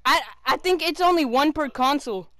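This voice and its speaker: A young man chatting while gaming, excitable and out of breath, yelling as he talks. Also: very high voice, a little fast. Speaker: gamer. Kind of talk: casual gaming chat.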